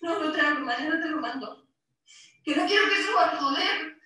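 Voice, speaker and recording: A harassed woman from Spain, tense and pleading as she argues with her ex through the intercom. Her voice sits high. The clip is played back from a distance, echoing heavily through a large hall. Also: normal speed, pushed and bright. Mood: weary. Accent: Spain Spanish. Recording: echoey distant playback in a hall.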